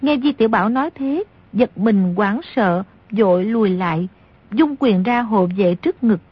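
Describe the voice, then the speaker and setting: A woman reading scripted narration as an audiobook narrator, telling the story at a steady pace, in a slightly dull recording. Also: mid-range voice, normal speed, breathy edge, no room sound.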